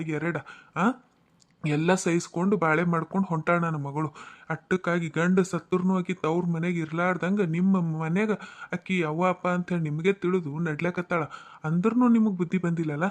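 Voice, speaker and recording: A man's voice: high voice, lightly acted. A man doing a stern, reproachful cartoon father. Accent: North Karnataka Kannada. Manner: lecturing, reproachful. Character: stern middle-aged father defending his daughter. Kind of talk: cartoon voice acting.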